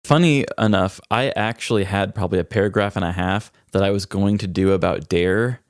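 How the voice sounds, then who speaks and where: A Midwestern American man with a low voice talks briskly, with no echo on the recording. As a comedy podcast co-host, he tells stories with wry, dry humor, mixing casual comic banter with scripted storytelling.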